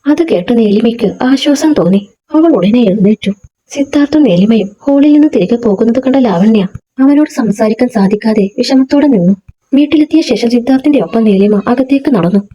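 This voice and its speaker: A woman narrates a serialized story in a calm, steady way. Her voice is mellow and breathy, sitting a little high for a woman. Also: a little fast, rough recording.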